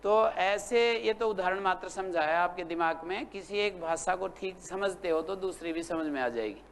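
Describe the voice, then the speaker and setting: A man's voice: high-pitched, slight background noise. A man teaching a Sanskrit grammar class, patiently quizzing his students and reciting word forms one by one. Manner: patient, drills students with questions and repetition; spells out word forms slowly. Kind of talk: classroom lecture.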